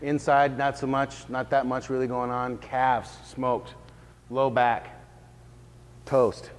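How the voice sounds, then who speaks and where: Speaking slowly in a clear, resonant voice of medium pitch and level tone, a man who works as a fitness trainer explains things casually in an informal group workshop. He checks in with his audience, and the sound echoes as if in a hall.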